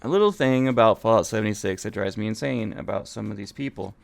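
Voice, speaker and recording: A man's voice: fairly low pitch, fast talker, vocal fry. A man co-hosting a casual gaming podcast, opinionated and ranting in bursts. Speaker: podcast co-host.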